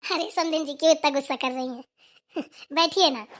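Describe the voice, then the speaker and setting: A woman's voice: high voice, fairly even intonation, moderate pace, lightly acted. A woman voicing an affectionate, chatty village mother visiting her daughter in a cartoon. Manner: affectionate, laughs easily. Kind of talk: cartoon voice acting.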